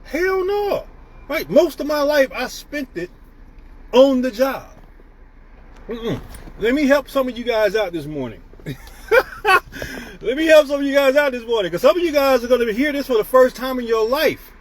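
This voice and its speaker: A man's voice: very high-pitched, big pitch swings, normal speed, pauses often, slight background noise. A man in his fifties from the United States, hosting a live stream and giving a preachy motivational talk while greeting viewers by name. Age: 50s.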